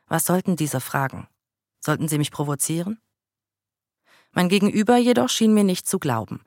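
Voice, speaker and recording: A man reading a first-person memoir aloud in a calm, measured way. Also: sits high, gravelly, dry recording, studio quality.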